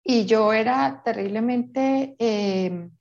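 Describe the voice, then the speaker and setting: A woman who grew up in Peru, answering interview questions thoughtfully, with many pauses and restarts. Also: on the high side, creaky, a little mellow, lo-fi sound. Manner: hesitant, many restarts and fillers. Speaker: interview guest.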